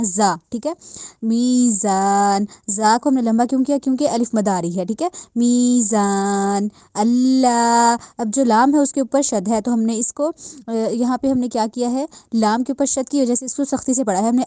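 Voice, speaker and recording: A patient woman teaching Quran recitation, explaining each letter's sound step by step. Her voice is fairly high but darkly mellow, recorded close and dry with no room around it. She repeats points and checks in often. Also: dry recording. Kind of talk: tajweed lesson with slow drawn-out recitation.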